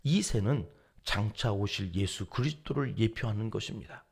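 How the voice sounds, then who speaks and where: A male pastor giving an early-morning sermon, dramatic, dropping to hushed whispers and rising to loud emphasis. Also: fairly low pitch, moderate pace, creaky, husky. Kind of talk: dawn service sermon.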